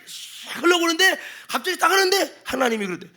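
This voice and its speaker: Animated, emphatic male pastor preaching. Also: very high voice, fast. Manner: emphatic, acting out quotes, bursts of shouting. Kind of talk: Sunday sermon. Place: church sanctuary.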